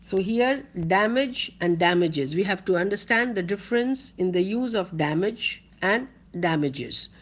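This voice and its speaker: Slow, deliberate Indian English lecturer woman. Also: medium pitch, expressive, muffled recording. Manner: slow, deliberate dictation, repeating words for note-taking. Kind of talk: recorded grammar lecture.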